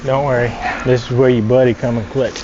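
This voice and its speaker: Man, vlog co-host, dry teasing remarks, muffled audio with loud noise behind. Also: mid-range voice, brisk. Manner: teasing, deadpan ribbing. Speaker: co-host of a repair channel. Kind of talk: casual garage banter.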